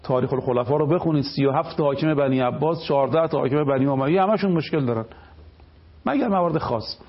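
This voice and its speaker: A male cleric lectures in a slightly high voice, pressing his points with emphatic explanation. The broadcast audio is dull and lo-fi, as if the highs were muffled. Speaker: cleric guest. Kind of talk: religious lecture on television.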